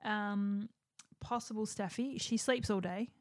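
A woman's voice: mid-range voice, a little slow, dry recording, studio quality. A young woman chatting casually as a podcast co-host, laughing easily. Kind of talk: casual chat.

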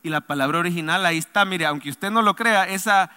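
A man preaching a sermon in a church, his voice high and strikingly bright. He calls on the congregation to answer him, then drops to soft asides between emphatic lines. The long reverb of a large hall trails after each phrase. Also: fast talker, clean tone. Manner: preaching with call-and-response to the congregation. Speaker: pastor. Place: church sanctuary.

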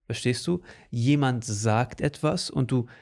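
Relaxed slangy German-speaking man. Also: medium pitch, unhurried, creaky. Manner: relaxed, slangy, lots of fillers and tag questions. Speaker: conversation partner. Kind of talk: casual chat.

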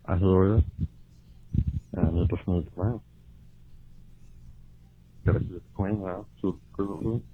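A man leaving a crude, rambling voicemail through a deep pitch-shifted voice changer. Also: fairly even intonation, measured pace, long pauses. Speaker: voicemail caller. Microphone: phone. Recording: tinny phone voicemail with faint hiss.

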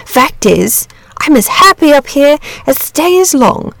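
A woman voicing a lazy, chatty, courteous male dragon who rambles in old-fashioned gentlemanly talk, in a storybook reading. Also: high voice, very animated, a little slow, vocal fry, no echo, pitched above the performer's own voice, heavily acted. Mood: hasty, friendly.

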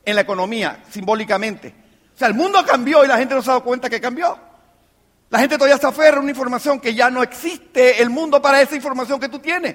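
Speaking at an extremely high pitch with a fairly bright tone, a man addresses a business team as their mentor. His emphatic motivational talk is full of rapid rhetorical questions, echoing with the long reverb of a live hall.

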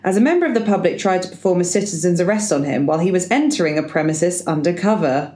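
A woman co-hosting a podcast, reading a birthday speech aloud with laughs and lively emphasis. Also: fairly low pitch, fast talker, roomy sound. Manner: animated, laughing reader. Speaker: podcast co-host.

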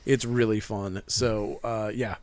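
This podcast co-host, who works in a comic shop, has a low, steady, darkish voice and a slow delivery, recorded without room sound. In casual chat he talks eagerly about comics and toys, wandering off topic and laughing frequently.

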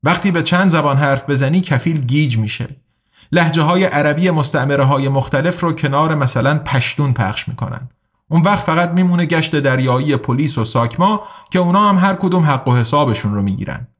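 A sly, scheming smuggler, done by a male narrator in an audiobook. He talks in a knowing, conspiratorial way and keeps his voice a little high. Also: fairly bright tone, close to an everyday voice.

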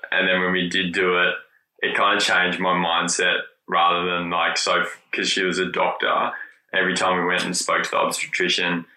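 A young man with a low but very bright voice talks through his story in a relaxed, rambling way. He fills his sentences with ums and likes. The sound is a little roomy and echoey. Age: 20s. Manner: relaxed, rambling, many fillers. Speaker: podcast guest. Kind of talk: casual chat.

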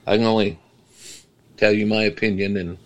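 A middle-aged man, a guest researcher, talking in a casual podcast interview, halting and repeating words, then explaining at length. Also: fairly low pitch, level tone.

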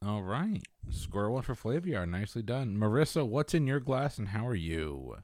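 A chatty young man hosting a laid-back show with a fairly low voice. He jokes easily and keeps things upbeat, and the sound is dry and close with no room echo. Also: very animated, moderate pace, darkish tone. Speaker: host. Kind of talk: casual chat.

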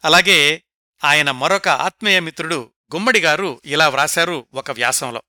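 Guy narrating a life story, bright crisp voice, slows for quotes, super dry sound. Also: fairly high pitch, no room sound. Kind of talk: scripted biographical narration.

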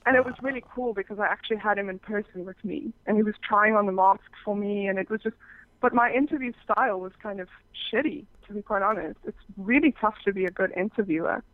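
A phone sex operator from South Africa, she appears as a guest in a relaxed interview, discussing her work frankly with many restarts. Her pitch is medium and her pace quick. No room sound comes through, but the recording is dull and muffled like a phone.

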